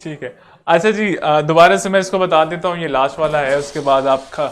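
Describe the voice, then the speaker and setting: A man teaching an online lecture, going over each rule slowly and repeating it step by step. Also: on the high side, fairly even intonation. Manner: repetitive, explains slowly step by step.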